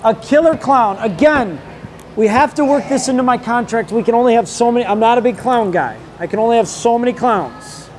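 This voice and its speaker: A woman's voice: fairly high pitch, animated, fairly quick, darkish tone, close to an everyday voice. A woman in character as a friendly vampire count, chatting casually with trick-or-treaters as a local TV host at an outdoor Halloween event. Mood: cheery. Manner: playful, upbeat, chatty with kids. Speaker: local TV host handing out candy. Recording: outdoor event with crowd noise.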